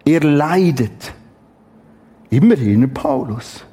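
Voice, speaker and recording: A middle-aged man preaching a Bible teaching, dramatic and emphatic with exclamations and long pauses. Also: medium pitch, lively intonation, dark tone, slight background noise.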